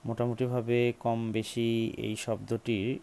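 A man's voice: mid-range voice, level tone, vocal fry, warm tone. A man teaching English pronunciation, spelling out words, saying each one several times and asking his viewers questions. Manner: slow, repeats each word to drill it. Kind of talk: spoken English lesson.

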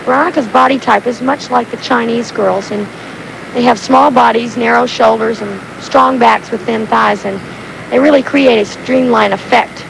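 A woman's voice: on the high side, normal speed, creaky. A woman explaining technique as an expert analyst in live sports commentary on an old stadium broadcast. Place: outdoor diving stadium. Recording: very noisy crowded 1980s stadium broadcast.

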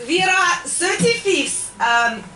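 A woman's voice: extremely high pitch, sing-song, slow pace, bright, forceful tone, exaggerated voice. A woman putting on a stern Soviet comedian with a fake Russian accent, performing live. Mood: deadpan. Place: small comedy club stage. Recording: roomy club, far from mic, noisy crowd.

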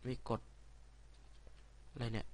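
A man's voice: slow, darkish tone. A young man talks his way through a Minecraft adventure map, casual and polite. He chats to his viewers and reads the game's messages aloud as he goes. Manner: chatty, polite, reads game text aloud. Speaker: gaming channel host. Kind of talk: casual Minecraft let's play commentary.

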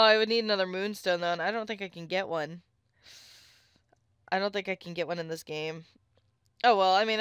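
A woman giving chatty, excitable commentary on her own gameplay into a close mic, with sudden squeals when something catches her eye. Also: medium pitch, clean tone, no room sound. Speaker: let's play gamer.

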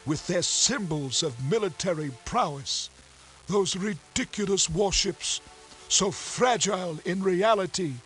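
A man voicing a dying, bitter older sea captain who speaks in a grave, gasping, drawn-out way, in a story game. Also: high voice, fairly bright tone, faint music behind, pitched above the performer's own voice, rough recording. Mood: scornful.

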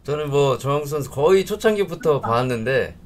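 Male interviewer. Polite, conversational, fairly high voice with lively intonation, faint noise behind. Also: brisk.

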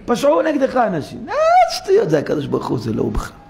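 A man's voice: high voice, huge pitch swings, gravelly, a little mellow, faint music behind. A male rabbi giving a sermon in a synagogue, dramatic, acting out complainers through rhetorical questions. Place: synagogue study hall.

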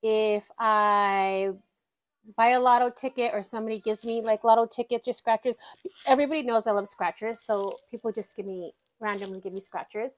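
A woman's voice: on the high side, steady tone, normal speed. A woman vlogging about her budget in casual chat, counting bills aloud and chatting to her savings binders.

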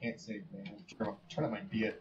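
Playing a horror game, this gamer tosses off wry, muttered remarks as he thinks aloud in casual let's-play commentary. His voice sits on the low side, fast and fairly flat in pitch, with music behind it. The lo-fi mic sounds slightly dull and carries a faint hiss.

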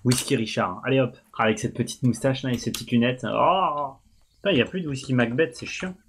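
A man's voice: medium pitch, brisk. A man in casual, slangy gaming chat, joking and swearing as he plays. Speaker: video game player. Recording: clearly noisy background with clicks. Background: noise and clicking.

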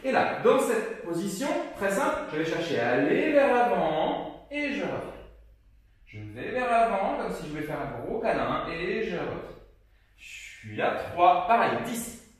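A young adult man, a fitness coach, leads a home workout class, counting reps aloud and giving steady, encouraging cues while demonstrating. His voice is high and unhurried, captured by a far camera in an indoor gym studio, so it sounds very echoey and far off.

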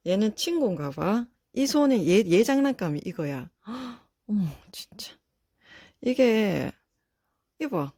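Chatty woman, lively pitch. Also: creaky, no room sound, clean studio sound. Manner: chatty, exclaims often, laughs, talks to herself. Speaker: vlogger unboxing figures. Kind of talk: casual unboxing chat.

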